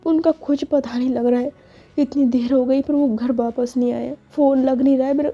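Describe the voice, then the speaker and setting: A woman's voice: sits high, fairly even intonation, moderate pace. A woman voicing a worried middle-aged mother who pleads and prays, on a dull lo-fi recording. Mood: pleading. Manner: pleading, pious.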